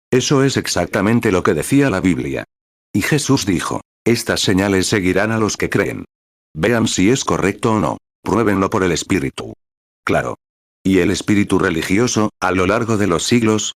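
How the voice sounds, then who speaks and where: A man with a fairly low voice reads a sermon aloud in a steady, measured manner. The recording is dry and close, with almost no room sound around him. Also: no echo. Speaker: sermon reader. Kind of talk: reading a translated sermon aloud.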